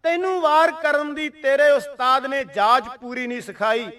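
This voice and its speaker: A man's voice: very high-pitched, fairly even intonation, normal speed, bright, forceful tone. A man voicing a proud, defiant warrior. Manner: taunting challenge in recited storytelling. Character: defiant adult male warrior, calm and proud. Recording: distant mic.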